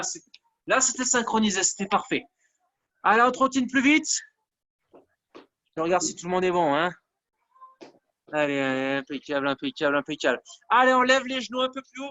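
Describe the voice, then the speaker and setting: A man's voice: very high voice, sharp tone, a little hiss or hum. A man coaching a live online workout class, counting down reps and cheering people on. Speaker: fitness coach.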